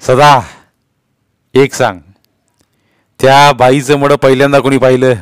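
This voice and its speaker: A man's voice: mid-range voice, level tone, a little slow, smooth, no room sound, lightly acted. A man reading a story aloud, voicing a stern, bullying police inspector who barks questions. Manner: barking, interrogating.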